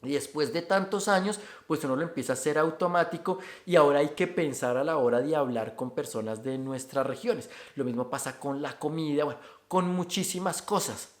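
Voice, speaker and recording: In a casual opinion video about migrant life, a Colombian man with a Bogotá accent reflects conversationally, stringing his points together with "entonces". His voice is a little high and a little fast, with hardly any pauses, in an echoey room.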